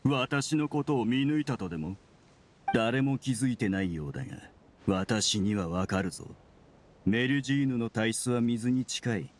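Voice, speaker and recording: In an anime-style Japanese game, a male actor with a lowish voice plays a bitter, sneering researcher turned criminal, sardonic and argumentative. There's slight background noise.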